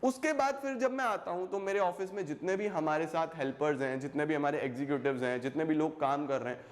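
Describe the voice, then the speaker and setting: Young male commerce teacher, a bit high-voiced, lively lecture style, switches between Hindi and English, keeps firing questions back at the class. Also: quick pace. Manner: lively, repeats phrases and asks questions back to students; mixes Hindi with English terms. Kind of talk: classroom lecture to school students.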